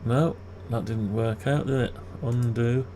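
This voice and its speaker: In an unhurried, medium-pitched voice, a man mutters and quizzes himself while demonstrating design work. He's a video creator showing CAD design, unscripted and thinking aloud. Keyboard typing and steady background noise accompany him.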